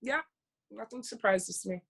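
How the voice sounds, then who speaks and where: A woman's voice: mid-range voice, a little slow, vocal fry, fairly bright tone, slightly rough, low-quality recording. A woman co-hosting a podcast in casual chat, telling stories bluntly and candidly and swearing freely. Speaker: podcast co-host.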